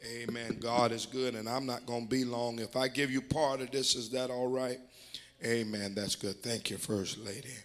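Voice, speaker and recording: A man's voice: medium pitch, steady tone, moderate pace, a bit bright. Older male preacher, folksy and emphatic. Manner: folksy preaching with constant amens, building to emphatic exhortation. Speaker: bishop and pastor. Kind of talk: sermon. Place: church sanctuary.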